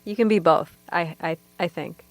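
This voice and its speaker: A woman co-hosting a podcast, reacting quickly and laughing along. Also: lowish voice, no echo, faint music behind. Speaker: podcast co-host. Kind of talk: casual podcast interview.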